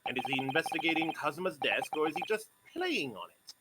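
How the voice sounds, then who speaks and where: A man's voice: fairly high pitch, very animated, a little fast, very noisy. A man voicing an earnest, bewildered young male hero in an amateur game dub, with wary, exaggerated asides. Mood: puzzled, wary.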